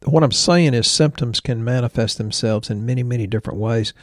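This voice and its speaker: A man's voice: medium pitch, fairly quick, no echo, clean studio sound. A man in his sixties co-hosting a health podcast, chatting casually in a rambling way with joking asides. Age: 60s. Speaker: podcast co-host, health practitioner.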